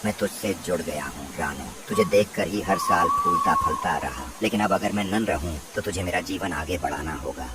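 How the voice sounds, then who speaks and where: A man voicing an ancient, gentle, fatherly mango tree spirit in a cartoon, speaking solemnly and tenderly. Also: low-pitched, huge pitch swings, moderate pace, few pauses. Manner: solemn, tender farewell speech. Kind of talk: cartoon voice acting. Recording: distant voice with heavy background noise.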